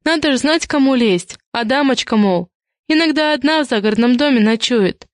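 A woman reading an audiobook and voicing a frightened, defensive young woman who squeaks and protests through tears. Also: animated, normal speed, no echo, clean studio sound. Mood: nervous.

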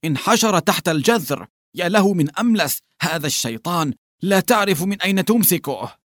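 A man voicing a tall, thin peasant with a hoarse, muffled voice that comes from deep in the belly, grumbling and mocking as he argues. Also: expressive, a little fast, fairly bright tone, dry recording, clean studio sound. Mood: gruff, quarrelsome. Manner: grumbling, quarrelsome.

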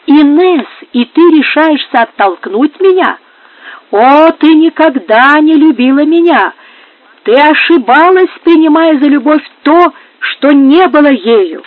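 A woman's voice: high voice, normal speed, few pauses, dry recording, pitched above the performer's own voice. A woman reading the part of an impetuous young male lover, exclaiming and pleading. The sound is dry and narrow, like a phone line. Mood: impassioned.

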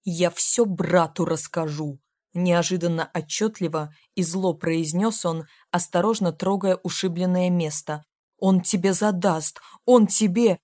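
A woman reading an audiobook, voicing a childlike young man who shrieks and shouts in a drawn-out way. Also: on the low side, no room sound, clean studio sound, natural voice. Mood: spiteful.

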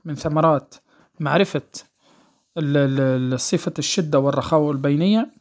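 Male recitation teacher, patient lesson delivery, measured pace with pauses and fillers. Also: a little high. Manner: checks understanding with the listener, drawing out sounds to demonstrate. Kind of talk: spoken lesson on recitation rules.

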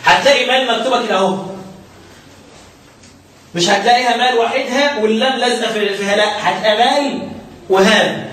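A man with an Egyptian Arabic accent teaches a recitation class in a very high voice, firing questions at students and chanting verses. He sounds far from the mic in a very echoey room. Faint noise hums underneath. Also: quick pace, pauses often, fairly bright tone. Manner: quizzes students, drills answers, chants verses. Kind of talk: classroom lesson on recitation rules.

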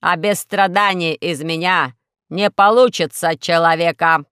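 A theatrical male robot, played by a woman narrator in a storybook recording. He declaims loudly and slowly, heavy with self-pity over his own suffering. The sound is dry and close. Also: on the low side, steady tone, clear, resonant tone, no room sound. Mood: gloomy. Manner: loud, slow, solemn declaiming. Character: dramatic male robot who longs to suffer.

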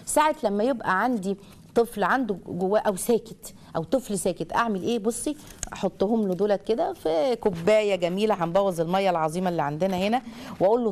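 Egyptian woman, studio parenting host, very quick and animated, acts out the lines she quotes. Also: medium pitch. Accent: Egyptian Arabic. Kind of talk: lively advice talk to viewers.

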